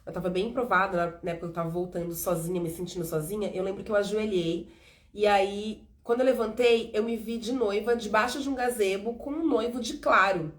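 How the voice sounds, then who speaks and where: A Brazilian woman in her thirties from São Paulo hosts a casual faith testimony chat, speaking at medium pitch and a little fast with a São Paulo Brazilian Portuguese accent. She tells her story with animation, acting out the dialogue as she goes.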